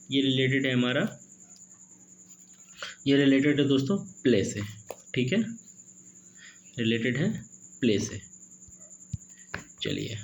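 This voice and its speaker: A man teaching an exam-prep literature lesson, mixing Hindi and English, reading questions out slowly and adding "okay" and "friends" often. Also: medium pitch, dull audio, slight background noise. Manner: reads questions slowly, peppers with "ठीक है" and "दोस्तों".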